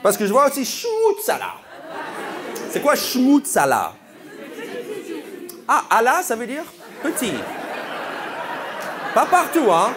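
Playful high-voiced male comedian, live crowd. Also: wildly swooping pitch, slow, pauses often. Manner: playful, incredulous questioning of the audience. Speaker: stand-up comedian. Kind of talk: crowd-work stand-up comedy. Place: comedy venue with a live audience. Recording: live audience and room noise.

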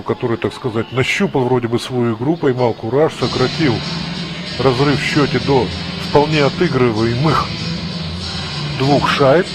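A male hockey commentator calls the game live at a middle pitch. He moves between exclamations and analytical asides, with music clearly audible behind his voice. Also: rough recording. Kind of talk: live play-by-play sports commentary.

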